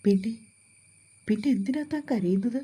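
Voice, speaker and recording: A woman reading as a gentle, consoling young man. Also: medium pitch, normal speed, breathy edge, close to an everyday voice. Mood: worried. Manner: soft, consoling and apologetic.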